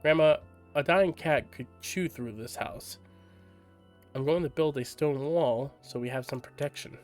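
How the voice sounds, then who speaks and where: A man's voice: a little high, unhurried, soft background music, natural voice. A man reading aloud and voicing a stubborn, feisty young girl who talks bluntly and with sass. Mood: blunt sassy. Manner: blunt, sassy, exasperated.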